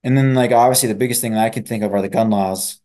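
Podcast co-host: young guy, lowish mellow voice, loose rambling chat full of fillers and cursing. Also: fairly even intonation, fast. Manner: rambling, heavy on fillers and swearing. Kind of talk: casual chat.

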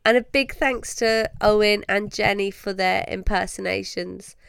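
Croaky, froggy-voiced British woman. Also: medium pitch, fairly even intonation, unhurried, a bit bright, no room sound. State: croaky, with sniffs and coughs. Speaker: podcast co-host. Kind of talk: casual comic podcast chat.

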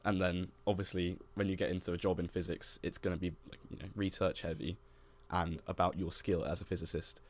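A man's voice: deep voice, little pitch movement, a little fast, few pauses. A young man, a university student, co-hosting a podcast in a casual, rambling chat full of fillers and restarts. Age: young adult. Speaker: podcast co-host.

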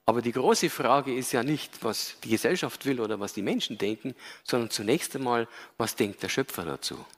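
Speaking at a moderate pace in a mid-range, fairly bright voice, a man in his fifties from Bavaria, Germany lectures earnestly to the public, explaining things with frequent hesitation sounds. His Bavarian accent has a slight Austrian tinge, and the recording carries a lecture hall's long reverb.

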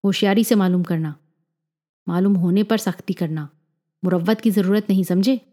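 A woman's voice: medium pitch, moderate pace, mellow, lightly acted. A woman reading the lines of a stern, impatient middle-aged father in a story, in a scolding, commanding way.

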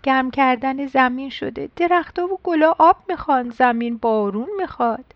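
A woman's voice: high-pitched, no echo, lo-fi sound. A woman voicing a polite wind that kindly pleads with a cloud. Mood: pleading.

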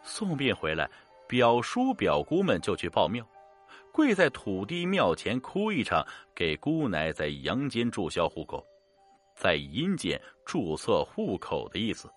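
A man with a fairly low voice tells a horror story in a measured, dramatic way, slowing down for suspense. His pitch swings widely between deep murmurs and sharp rises. Faint music plays underneath. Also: wildly swooping pitch. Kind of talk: scripted narration of a horror story.

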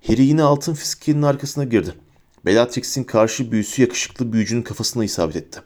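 Dark, mellow male audiobook narrator. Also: mid-range voice. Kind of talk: audiobook reading.

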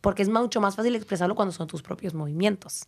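A young woman with a Mexican accent talks about her craft as a dancer and teacher. She speaks in a reflective, animated way and slips into other people's words as she tells stories. The pitch sits in an ordinary middle range. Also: fast, gravelly. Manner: reflective, animated, acts out quotes. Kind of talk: casual interview talk.

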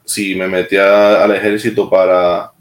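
A Puerto Rican military musician speaks as a guest in a casual interview, plain-spoken and direct with hesitant restarts, in a Puerto Rican Spanish accent. His voice is low and flat at a measured pace, and the room sounds echoey.

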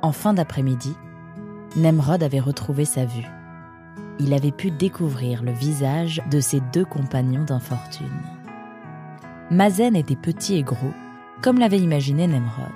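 A woman reading a storybook narration in a calm, measured way. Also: deep voice. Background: soft guitar music.

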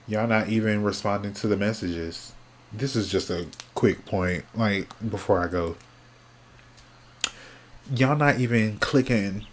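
A man hosts his podcast alone in a sassy, casual ramble, drifting between topics and letting lines fade into soft mumbles. He sounds sleepy and yawns now and then, and he talks at a very slow, unhurried pace with a fairly low voice. A faint hiss sits under the recording. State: sleepy, yawning. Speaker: podcast host. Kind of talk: casual solo podcast chat.

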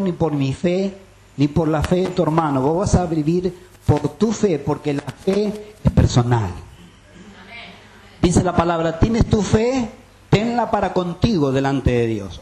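A man's voice: high voice, dark tone. A man preaching a sermon, emphatic and quizzing his listeners with rhetorical questions.

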